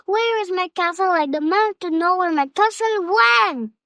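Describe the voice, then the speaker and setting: A woman voicing a huge, furious male ogre who shouts demands for his missing castle. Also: very high-pitched, animated, takes it slowly, dry recording, pitched above the performer's own voice, full character voice. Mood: roaring.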